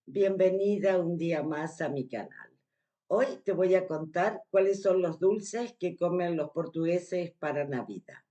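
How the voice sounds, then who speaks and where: A woman's voice: fairly low pitch, unhurried, mellow. An Argentine woman with an Argentine Spanish accent, chatting casually to camera as a vlogger, explaining things step by step with lots of fillers. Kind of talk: casual vlog chat.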